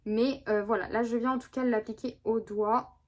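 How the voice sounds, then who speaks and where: A woman with a somewhat high voice chats her way through a makeup tutorial. She rambles, restarts her sentences and fills pauses with hesitations as she explains each step. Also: fairly even intonation. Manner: chatty, rambling with many fillers and restarts. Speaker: beauty vlogger. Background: neighbor's lawnmower.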